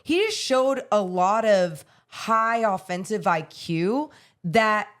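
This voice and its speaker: A woman's voice: mid-range voice, takes it slowly, a bit bright. Thoughtful woman co-hosting a sports podcast. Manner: thoughtful, analytical. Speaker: podcast co-host. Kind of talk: casual sports chat.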